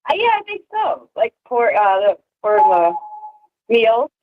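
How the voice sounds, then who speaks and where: A woman's voice: a little high, sing-song, measured pace. Easygoing woman heard on a prison phone. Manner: easygoing, laughs often, fillers. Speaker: friend on the outside. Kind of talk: casual phone chat. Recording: tinny recorded prison phone line.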